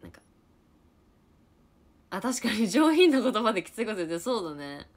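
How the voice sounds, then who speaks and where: Chatty young woman with a lively voice. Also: medium pitch, moderate pace. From Niigata, Japan. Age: 20s. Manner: chatty, reacts to comments, laughs often. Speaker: livestream host chatting with viewers. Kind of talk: casual chat.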